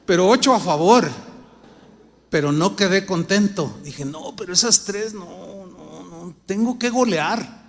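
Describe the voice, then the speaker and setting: Mexican pastor, high voice, church reverb. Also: male voice, gravelly, a little hiss or hum. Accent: Mexican Spanish. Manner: conversational storytelling with humor, acting out his own thoughts; reads scripture louder and slower. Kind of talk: sermon.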